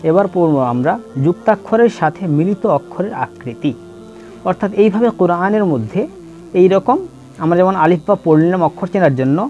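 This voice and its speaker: A man teaching letter pronunciation in a slow lesson, patiently repeating and drawing out each sound for students to follow. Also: high-pitched, expressive, warm tone. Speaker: Quran reading teacher. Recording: dull lo-fi with faint music.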